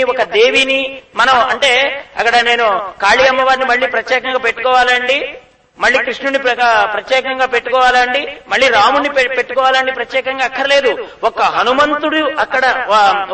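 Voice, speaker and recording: A man giving a devotional discourse, telling stories with animated acted-out speech and repeating phrases for emphasis. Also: very high-pitched. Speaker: spiritual speaker. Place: ashram hall. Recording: echoey room, voice from far off.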